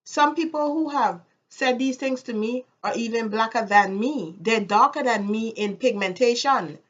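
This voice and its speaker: A woman's voice: a little high, moderate pace, fairly bright tone, dull audio. A woman from the Virgin Islands with a Caribbean accent, talking casually and with strong opinions in an emphatic way, repeating phrases for stress. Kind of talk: casual opinionated personal talk to camera.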